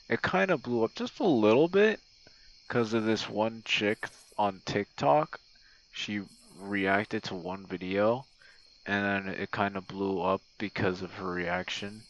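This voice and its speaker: A young man with a voice on the low side, a streamer who creates online audio roleplay, leaves a laid-back, rambling message for a gamer friend, self-deprecating and full of swearing. It's a low-quality recording, with crickets and night sounds in the background.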